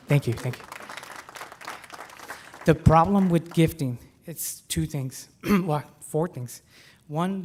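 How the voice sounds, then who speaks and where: A man giving a live startup pitch as an entrepreneur, with a nervous, halting delivery that often stumbles. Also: a little mellow. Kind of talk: live pitch competition presentation.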